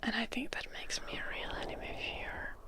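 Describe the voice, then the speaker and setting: A Finnish woman, a native Finnish speaker, live streams ASMR, whispering casual, rambling chat to her listeners at a moderate pace.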